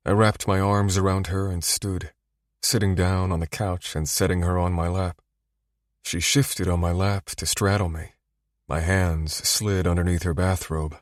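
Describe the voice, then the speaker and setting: Give me a man with a deep voice reading a first-person romance audiobook, calm and intimate. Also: dry recording, clean studio sound. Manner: low, steady, intimate storytelling. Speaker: audiobook narrator.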